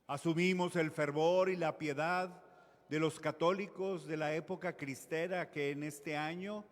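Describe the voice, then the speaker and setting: A man's voice: on the high side, fairly even intonation, unhurried. A man giving a formal liturgical address to worshippers, with cathedral echo around his voice. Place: large cathedral. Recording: cathedral echo, long hall reverb.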